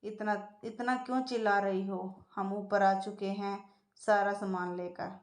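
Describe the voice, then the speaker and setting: A woman voicing a sharp-tongued, curt daughter-in-law in a storybook reading. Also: medium pitch, flat delivery, a little slow, close to an everyday voice. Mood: scolding. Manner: curt, irritated. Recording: echoey room.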